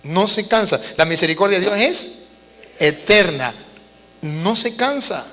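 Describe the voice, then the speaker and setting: High, bright-voiced priest preaching. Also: male voice, expressive, a little slow. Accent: Venezuelan Spanish. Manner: emphatic, repeats phrases, swings between soft and loud. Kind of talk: sermon. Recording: long hall reverb with mains hum.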